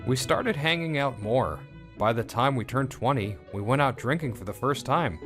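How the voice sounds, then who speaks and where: Playing the lead in a comic dub, a young man tells his own tale in scripted narration over clearly audible music, his mid-pitched voice carrying hurt, bitterness, and reflection. He speaks at a normal speed, animated and a bit bright, with a natural-sounding voice.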